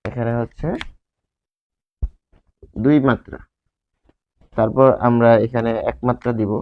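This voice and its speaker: A male teacher giving a grammar lesson, repeating key terms slowly and asking and answering his own questions. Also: medium pitch, fairly even intonation. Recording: tinny, phone-like sound.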